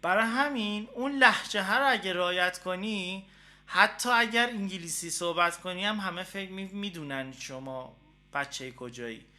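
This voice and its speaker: A man's voice: sits high, bright, forceful tone. A man from Iran hosting a guitar show, talking casually and rambling with frequent filler sounds as he breaks off to play examples on his guitar. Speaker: guitar teacher and show host. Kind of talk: casual spoken guitar lesson.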